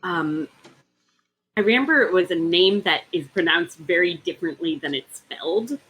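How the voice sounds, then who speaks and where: A woman co-hosting a laid-back book podcast argues at length and analytically, restarting often and saying "um" a lot. She has a lowish voice with lively intonation at a moderate pace, a bit bright, over a rough recording with a little hiss or hum.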